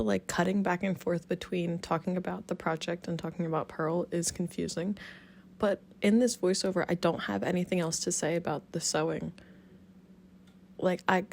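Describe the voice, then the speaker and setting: A woman's voice: lowish voice, creaky. A young woman from New Jersey, chatting casually and rambling through a sewing voiceover, with lots of "like" as she talks. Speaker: sewing and cosplay vlogger.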